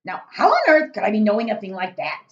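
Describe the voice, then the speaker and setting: A woman voicing a huge, very old, kindly male giant who talks loudly with jumbled grammar and made-up words, in a storybook reading. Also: medium pitch, huge pitch swings, fast, dull audio, voice pushed up. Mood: earnest.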